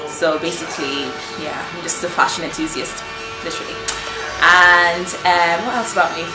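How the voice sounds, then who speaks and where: A woman's voice: fairly low pitch, moderate pace, echoey room, loud music behind the voice, poor audio. A nineteen-year-old woman from Nigeria, a fashion blogger answering interview questions casually, with lots of "um" and "you know". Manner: chatty, many fillers like "um" and "you know".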